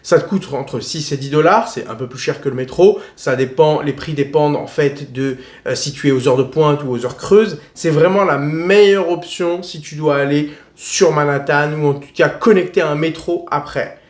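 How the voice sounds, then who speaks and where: A man's voice: on the high side, moderate pace, hardly any pauses. A man giving casual travel tips in a vlog, slangy, blunt and joking. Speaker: travel vlogger. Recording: roomy echo.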